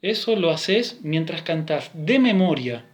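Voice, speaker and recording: Rioplatense male music teacher, recorded class, sings and counts beats, a bit high-pitched. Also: expressive, measured pace. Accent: Rioplatense Spanish. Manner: sings rhythm syllables and counts steps while explaining.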